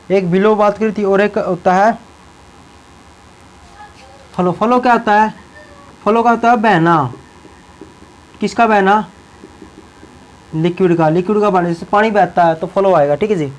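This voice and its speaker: A man's voice: high-pitched, rough recording. A male teacher explaining English verb forms in Hindi, often repeating words and checking in with the class. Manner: repeats words and tags lines with a check-in phrase.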